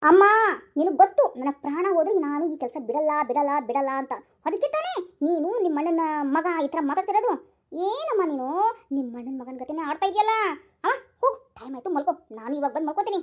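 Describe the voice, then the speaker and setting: A woman telling a dramatized story, speaking calm and firm as a police officer daughter. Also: sits high, fast talker.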